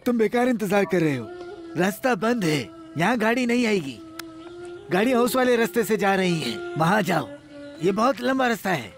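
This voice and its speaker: An actor dubbing a kindly old village man who gives directions, with a gravelly voice. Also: sits high, very animated, moderate pace, soft background music. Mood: helpful. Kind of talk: Urdu film dubbing.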